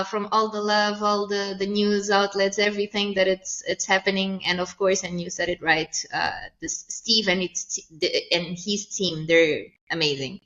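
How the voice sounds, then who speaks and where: A mid-pitched woman from Mozambique speaks as an agency head being interviewed. She is earnest and sometimes halting. The recording sounds a bit dull and lo-fi. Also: fairly bright tone. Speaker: agency CEO, guest. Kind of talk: conversational interview.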